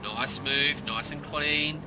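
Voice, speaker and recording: A man giving excitable play-by-play as a motorsport commentator during live racing. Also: on the high side, slow, music in the background. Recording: loud engine and vehicle noise behind. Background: loud car and vehicle noise.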